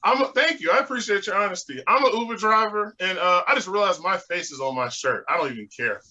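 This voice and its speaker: A Texan man doing stand-up over a video call, his voice bright and a touch high for a man. He talks in a relaxed, chatty way and laughs at his own jokes. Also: fast, muffled recording. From Texas. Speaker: stand-up comedian.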